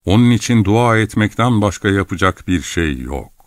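A man's voice: on the low side, lively intonation, normal speed, no room sound, studio quality, close to an everyday voice. A man voicing a stern, solemn old hermit who speaks in a grave, preaching tone.

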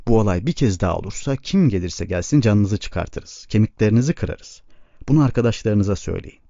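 Man reading blunt tough guard, low dark tone, dull lo-fi. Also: lively intonation, brisk, dry recording. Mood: threatening. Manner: blunt, threatening. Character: tough blunt young male camp guard. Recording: dull lo-fi recording.

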